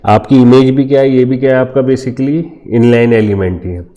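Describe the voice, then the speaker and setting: Mellow-voiced man teaching a coding lesson. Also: medium pitch, fairly even intonation, moderate pace. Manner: explains step by step, asks and answers imagined student questions. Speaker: programming teacher. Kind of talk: screen-share coding tutorial.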